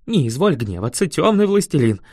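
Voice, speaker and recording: A man doing a shrill panicky peasant. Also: sing-song, a little fast, warm tone, dry recording, clean studio sound. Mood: cowering. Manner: shrill, hysterical yelping. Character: panicky superstitious male peasant, young adult.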